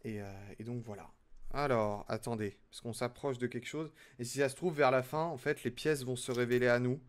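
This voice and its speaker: Building something on a live stream, a young man chats casually with his audience and pokes fun at himself as he works. His mid-range voice stays steady, and he talks briskly.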